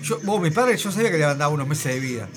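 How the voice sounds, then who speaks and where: A man's voice: on the high side, expressive, racing, music in the background. A man hosting a radio show, telling a story in a rambling, emphatic way with lots of filler words. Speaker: radio host. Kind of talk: casual radio banter.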